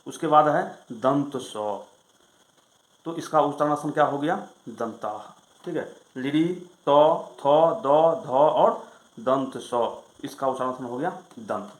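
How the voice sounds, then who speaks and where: A male Sanskrit grammar teacher explaining rules in a lesson, reciting them slowly and then asking and answering his own questions. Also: medium pitch, roomy sound, rough recording. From Bihar, India.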